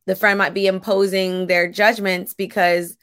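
A woman co-hosting a podcast, talking reflectively and haltingly, often restarting mid-sentence. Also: mid-range voice, little pitch movement, fairly bright tone, clean tone, no room sound, studio quality. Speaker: podcast co-host, dance and Pilates teacher. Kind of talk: casual chat.

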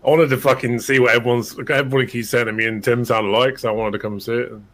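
A man's voice: mid-range voice, fairly even intonation, very fast, fairly bright tone. A man with a British accent in a casual group voice chat, laughing easily and swearing casually.

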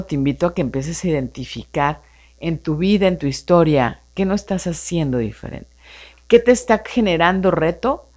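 A woman hosting a live radio show on personal growth, coaching listeners with a string of rhetorical questions. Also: low voice. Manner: animated coaching tone, rhetorical questions, frequent "entonces" and "no?". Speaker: radio host.

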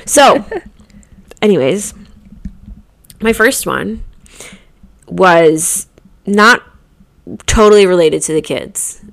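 A woman in her thirties chatting as a podcast co-host, rambling through family stories with plenty of "like"s and false starts. Her voice sits at an ordinary middle pitch for a woman. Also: expressive, very slow, gravelly, long pauses. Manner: chatty, storytelling with many fillers and restarts. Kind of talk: casual chat.

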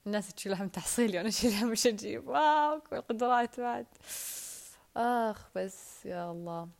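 A woman with a Saudi Arabic accent chatting on a casual solo podcast, rambling and rushed, often dropping into whispers, recorded on a wired earphone mic. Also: on the high side, creaky, darkish tone.

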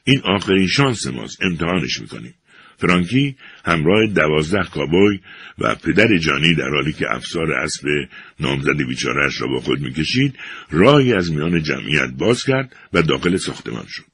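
An older man narrating an audiobook in an expressive storytelling manner. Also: rumbling low, slight background noise.

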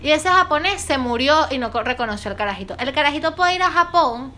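High, bright Venezuelan Andean woman. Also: lively intonation, fast, a little hiss or hum. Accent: Venezuelan Andean (gocho). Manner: laughing, slangy, emphatic. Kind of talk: casual chat.

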